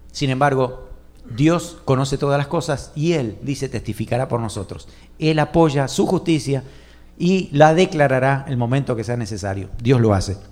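A man preaching a sermon to a congregation. He shifts between loud, emphatic lines and soft, hushed asides, and asks the listeners questions. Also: mid-range voice. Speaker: pastor.

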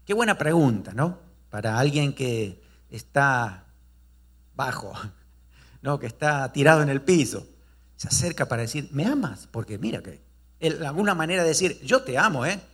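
A male pastor preaching a sermon, telling a story with animated delivery and rhetorical questions to the congregation. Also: medium pitch, normal speed, long pauses, husky.

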